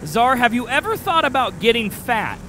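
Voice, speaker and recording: A man's voice: very high voice, big pitch swings, moderate pace, noisy background. A man in his thirties giving casual live commentary as he streams a video game, close on the mic. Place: small room indoors. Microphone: close microphone on a stand.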